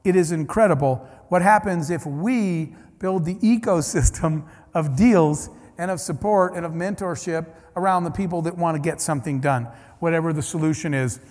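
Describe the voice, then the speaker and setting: A man's voice: on the high side, normal speed, darkish tone. A man giving a conference keynote, telling stories in a conversational, anecdotal way with restarts and asides. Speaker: keynote speaker. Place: large conference hall. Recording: long hall reverb.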